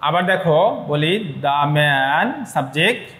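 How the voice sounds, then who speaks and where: High-voiced Bangladeshi man teaching English. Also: slow pace, sharp tone, roomy sound. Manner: explains step by step, repeats points to students. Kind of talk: online class lecture.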